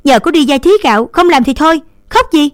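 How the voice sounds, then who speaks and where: A woman voicing a short-tempered girl in a story who scolds sharply and loudly. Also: high voice, brisk, no echo, clean studio sound, pitched above the performer's own voice, lightly acted. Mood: scolding. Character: bossy short-tempered middle sister.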